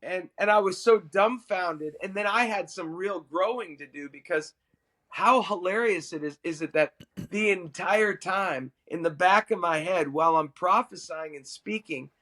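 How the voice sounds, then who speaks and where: A middle-aged worship musician, appearing as a podcast guest, tells a personal story with animated self-amusement. His voice sits high and his pace is unhurried.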